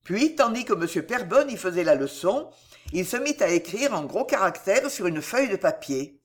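A narrator reading a classic novel aloud with expressive delivery. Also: mid-range voice, moderate pace.

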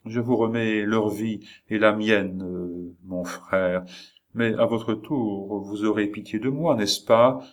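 A man's voice: lowish voice, steady tone, slow pace. A man reading the part of a melancholy queen, speaking in a sorrowful, imploring way as part of an audiobook of a novel. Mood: pleading. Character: melancholy pleading queen, woman, middle-aged.

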